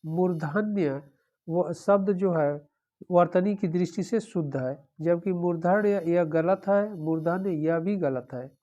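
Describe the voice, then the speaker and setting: A woman's voice: on the low side, a little slow, mellow, dull audio. Woman methodically explaining exam answers. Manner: methodical, repeats options, frequent "okay". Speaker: teacher.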